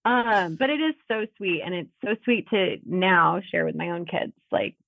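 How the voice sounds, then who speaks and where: A woman's voice: lowish voice, lively intonation, normal speed, creaky, slight background noise. A woman in her thirties chatting as a guest over a video call, with frequent laughs and fillers. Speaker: podcast guest. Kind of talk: casual conversational interview. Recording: tinny phone-like audio.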